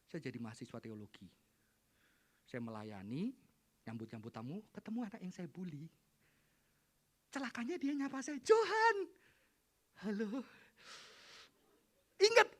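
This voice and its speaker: A man's voice: fairly high pitch, moderate pace, pauses often. A middle-aged male preacher giving a youth sermon, joking, laughing and acting out dialogue as he tells stories. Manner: animated, jokey, acts out dialogue, laughs often.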